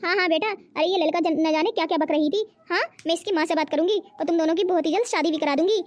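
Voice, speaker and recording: A fretful, scolding old mother-in-law in a comic cartoon, voiced by a woman. Her voice sits very high and thin, and she fusses and lectures in quick bursts. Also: dry recording. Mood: relieved. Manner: high-pitched, scolding and fussing. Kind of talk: cartoon voice acting.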